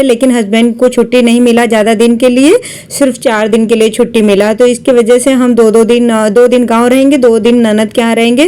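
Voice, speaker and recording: A woman's voice: on the high side, dark tone, smooth. A woman vlogger narrating her day in a casual, homely, chatty voice-over. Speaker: village life vlogger.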